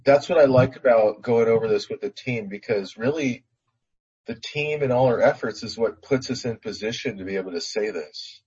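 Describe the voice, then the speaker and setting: A man's voice: mid-range voice, moderate pace, darkish tone, slightly rough, muffled recording. A man being coached on a call, answering earnestly and often restarting his phrases. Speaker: team leader being coached. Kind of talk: call conversation.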